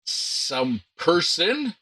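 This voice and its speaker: A man acting as game master, recapping a tabletop adventure with relaxed, filler-heavy banter. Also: fairly high pitch, drawn-out words, breathy edge, no room sound, rough recording.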